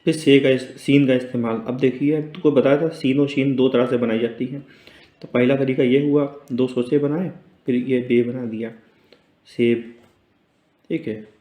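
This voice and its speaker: Male tutor, mellow and patient, repeats words slowly, roomy echo. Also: mid-range voice, fairly even intonation. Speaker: Urdu teacher. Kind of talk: casual spoken lesson, explaining letters on a board.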